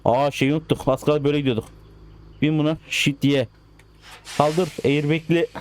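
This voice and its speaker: A man giving casual, excitable commentary while playing a driving game, coaxing the cars along as if they were pets. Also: fairly high pitch, normal speed. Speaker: gaming channel host.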